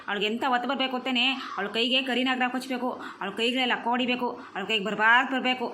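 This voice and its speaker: A woman's voice: a little high, steady tone, fast talker, slight background noise. A woman voicing a quarrelsome homeowner in a cartoon comedy, scolding and cursing her neighbours. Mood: furious. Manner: scolding, shouting curses at neighbours.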